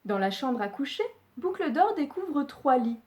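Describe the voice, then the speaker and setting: A woman librarian reading a children's story aloud at home, expressive storytelling. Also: sits high, unhurried, a little hiss or hum.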